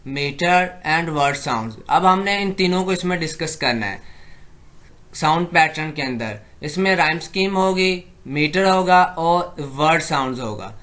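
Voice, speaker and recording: Slow, bright-voiced male lecturer. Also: fairly high pitch. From Pakistan. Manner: mixes Hindi-Urdu explanation with slow, deliberate English definitions. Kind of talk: slide-based exam prep lecture.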